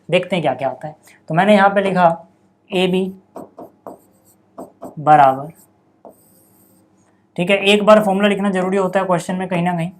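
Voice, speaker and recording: A man teaching a maths lesson at a board, chatty, often checking in with his students. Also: sits high. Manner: chatty, repeats 'theek hai' and 'yaar' to students.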